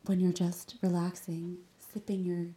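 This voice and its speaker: A young woman co-hosting a casual podcast chat, playful and quick to laugh. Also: lowish voice, little pitch movement, warm tone, roomy sound. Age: young adult. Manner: giggly, playful. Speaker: podcast co-host.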